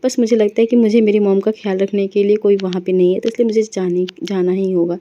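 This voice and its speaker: A woman's voice: medium pitch, fairly even intonation, fast talker, dark tone, lo-fi sound, lightly acted. A woman voicing a young wife who sulks and snaps with hurt pride. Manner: sulky, indignant.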